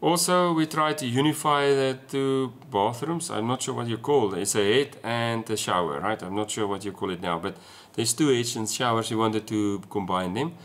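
A man's voice: medium pitch, normal speed, hardly any pauses, a bit bright. A man in his forties from South Africa with an Afrikaans accent, explaining things casually as a vlogger talking to camera indoors. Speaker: sailing vlogger. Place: small room at home, indoors.

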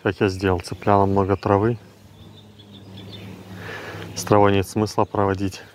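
A man giving casual, low-key fishing commentary in short, terse remarks, recorded outdoors with wind on the mic. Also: completely flat delivery, moderate pace, darkish tone. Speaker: angler filming himself. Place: outdoors on a windy lake shore. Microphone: action camera worn on the body. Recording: outdoor wind and ambient noise.

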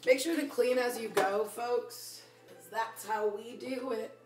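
A woman in her twenties, losing her worn voice, hosts a casual home cooking vlog in a small kitchen, speaking at a measured pace in a slightly high voice. Playful and full of slang, she attaches silly rhymes to word endings. Recorded on a phone camera, close and then a few steps away, she sounds distant in an echoey room with soft background music.

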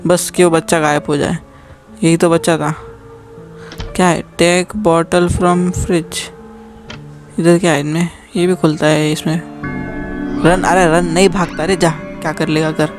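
Young male gaming streamer, slightly high voice, joking commentary over faint game music. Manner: joking, mocking the game, talking to viewers. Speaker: gaming youtuber. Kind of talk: live horror game commentary.

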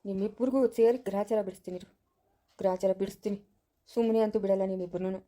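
A sly village schemer, low and muttering as he plots revenge, voiced by a woman. The voice is dark and mellow but quick, rattling through complaints. It comes from a homemade family drama. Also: close to an everyday voice. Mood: scheming. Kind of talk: amateur family drama acting.

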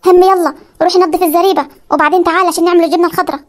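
Voice actor doing a bossy village mother, very high and fast. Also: fairly even intonation. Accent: Upper Egyptian Arabic. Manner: scolding, ordering, quick threats. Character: bossy Upper Egyptian village mother, scolding and sharp-tongued. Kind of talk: comedy cartoon voice acting.

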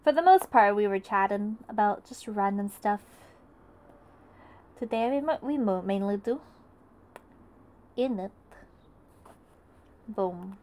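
A woman's voice: mid-range voice, animated, takes it slowly, long pauses, warm tone. A young woman casually chatting with her live chat while she crafts, greeting viewers and often restarting her sentences. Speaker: arts and crafts streamer.

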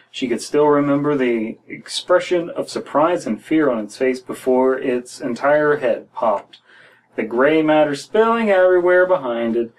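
In a small room, a thirty-something American podcast co-host reads a horror tale aloud, breaking in with dry, critical commentary. He has a mid-range voice, captured on a low-quality recording.

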